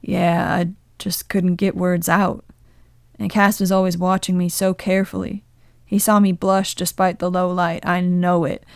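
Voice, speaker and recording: A bashful young man in his twenties, read by a woman in her own lowish voice, telling an old memory in a halting, tender way. The voice is smooth and clear, recorded close and dry. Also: little pitch movement, no room sound. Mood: wistful. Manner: bashful, halting confessional storytelling.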